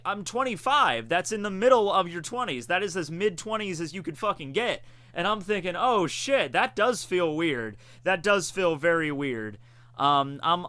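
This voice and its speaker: A man's voice: high voice, sharp tone, dry recording. A man in his twenties chatting casually on a birthday live stream, reading out viewer questions and answering with frequent laughs. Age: 20s.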